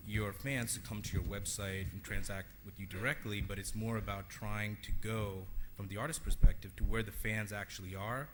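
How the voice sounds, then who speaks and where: Low-voiced man giving a conference talk. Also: a bit bright, slight background noise. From Sri Lanka. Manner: earnest, many fillers and restarts. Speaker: conference keynote speaker.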